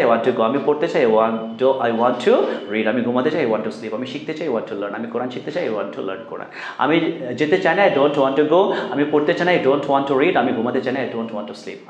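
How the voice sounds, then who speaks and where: A man's voice: mid-range voice, reverberant, dull audio. Bangladeshi male English teacher. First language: Bengali. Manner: drills Bengali sentences with English translations; frequent "uh" fillers, earnest pleading tone. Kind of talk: spoken English lesson.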